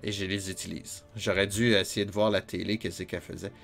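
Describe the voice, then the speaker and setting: This gamer's voice sits low with little pitch movement, a touch fast, gravelly, and fairly bright, with soft music behind him. He has a Quebec French accent and jokes and chats through his let's play, talking to himself as he goes.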